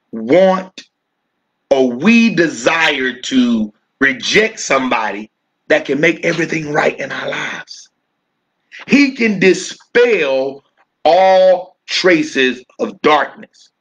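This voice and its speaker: A male pastor with a fairly high voice teaches a church bible study. He preaches more than he chats, circling back over his own phrases. He drags out key words for emphasis. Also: fairly bright tone, rough recording. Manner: preachy, repeats phrases, slows down to stress words.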